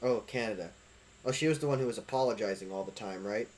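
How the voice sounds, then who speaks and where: A man's voice: on the low side, fast, darkish tone. A man co-hosting a casual chat podcast, joking, sarcastic and swearing freely. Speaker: podcast co-host.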